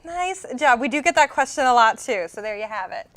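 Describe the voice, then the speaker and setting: Upbeat, high-voiced woman co-host. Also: animated, fairly quick, a bit bright. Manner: upbeat, enthusiastic. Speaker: podcast co-host. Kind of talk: casual interview.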